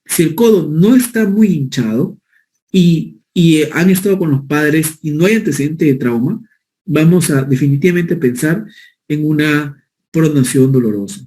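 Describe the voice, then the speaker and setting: A man's voice: a little high, moderate pace, warm tone. A man giving a medical lecture, explaining step by step and often checking in with his listeners. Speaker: physician lecturer.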